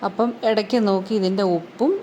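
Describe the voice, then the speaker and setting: A woman's voice: mid-range voice, steady tone, mellow. A woman narrating her vlog casually, telling what she does next in a chatty way. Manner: quick, chatty storytelling. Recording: faint background noise.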